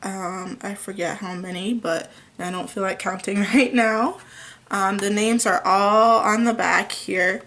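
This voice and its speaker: A young woman at home, chatting through a makeup tutorial in a casual, unhurried way with frequent ums. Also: mid-range voice, steady tone, a bit bright. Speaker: beauty vlogger.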